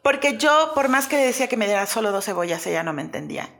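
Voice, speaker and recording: A woman with a Mexican accent, a guest in a casual chat, telling animated stories with lots of fillers and laughter. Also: fairly high pitch, quick pace. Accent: Mexican Spanish.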